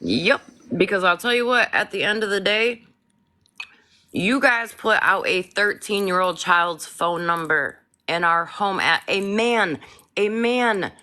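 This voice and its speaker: A woman from Flint, Michigan, chatting live with blunt, heated talk. Her voice is bright and tense, and she swears freely. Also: medium pitch, lively intonation, unhurried. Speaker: live stream host. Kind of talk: casual live chat.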